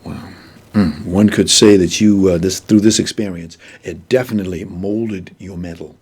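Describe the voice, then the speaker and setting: A man's voice: low-pitched, steady tone, normal speed, a little mellow, breathy edge. A man hosting an interview show, giving formal, effusive introductions and asking questions. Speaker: talk show host. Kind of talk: radio-style interview hosting.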